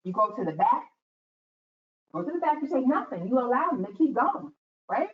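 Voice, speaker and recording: A woman with a high voice speaks at a normal pace as a guest speaker addressing students, telling stories and acting out quotes with animation. The room is echoey and the mic distant, leaving the sound dull.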